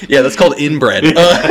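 A man co-hosting a podcast in casual comic banter, riffing jokily. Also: sits high. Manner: jokey riffing, often laughing. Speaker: podcast co-host.

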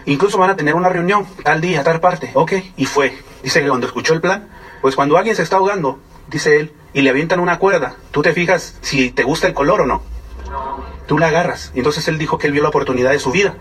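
A man with a Mexican accent tells a story to an audience in a chatty way and keeps putting questions to his listeners. His voice is somewhat high and husky, and he talks very fast. He sounds distant from the microphone. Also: a bit bright. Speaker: speaker giving a testimony. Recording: voice from far off the mic.

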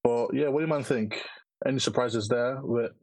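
A man's voice: mid-range voice, moderate pace, darkish tone, no echo, low-quality recording. A man with an urban London roadman accent and slangy delivery, hosting a casual podcast chat. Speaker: podcast host.

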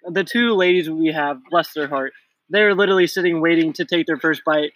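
A man's voice: fairly high pitch, a little fast, a bit bright, slight background noise, low-quality recording. A man co-hosting a casual podcast from home, leading the questions and cracking self-deprecating jokes. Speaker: podcast co-host. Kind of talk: casual chat. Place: home, at night.

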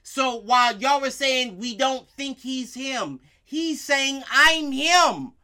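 An American woman argues about sports in a high, bright voice. She is emphatic and casual, full of slang and swearing. She cuts in freely and presses her point like a panelist in a heated debate. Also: slow. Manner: emphatic, profane, slangy, interrupting.

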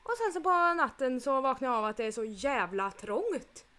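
A woman co-hosting a casual podcast chat, blunt and animated, swearing often. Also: sits high. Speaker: podcast co-host.

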